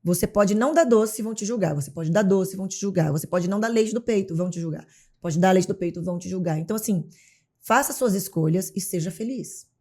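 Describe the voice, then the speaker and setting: A woman's voice: mid-range voice, quick pace. A Brazilian woman, a mother of three and a guest on an interview show, talking casually and acting out scenes as she tells stories. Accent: Brazilian Portuguese. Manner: animated storyteller, acts out scenes.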